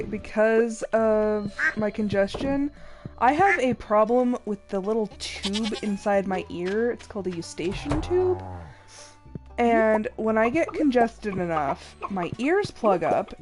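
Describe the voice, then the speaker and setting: A young adult woman offers laid-back commentary while streaming a game, sorry about her voice because she's stuffed up and slightly ill. She talks slowly yet very animatedly in a fairly high register, over the game's music.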